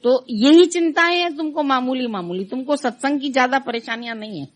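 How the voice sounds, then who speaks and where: Middle-aged woman spiritual teacher, high voice, chatty satsang delivery, mimics listeners' complaints. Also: a little fast. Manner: conversational, acts out listeners' complaints in quoted voices. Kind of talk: devotional satsang talk.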